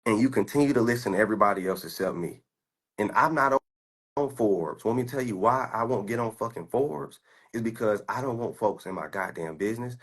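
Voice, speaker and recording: A man's voice: lowish voice, animated, fairly quick, fairly bright tone, breathy edge. A man in his twenties from the United States, a stock trader giving a boastful, profane, confrontational rant while showing his screen. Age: 20s.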